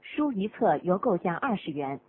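A woman's voice: lowish voice, big pitch swings, moderate pace, husky. A woman reading a formal radio announcement. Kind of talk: scripted announcement. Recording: tinny lo-fi radio broadcast.

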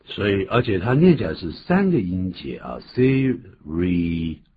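低沉而抑扬顿挫的男英语老师. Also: male voice, normal speed, slightly rough, lo-fi sound. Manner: animated, jumps to high emphatic pitch on key words. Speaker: English teacher, host. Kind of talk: radio English lesson.

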